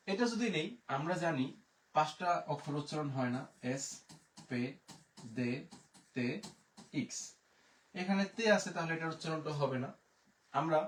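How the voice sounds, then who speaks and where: A man teaching French pronunciation in a live online lesson, spelling words out letter by letter and repeating each word slowly. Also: a little high. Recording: echoey room, distant mic.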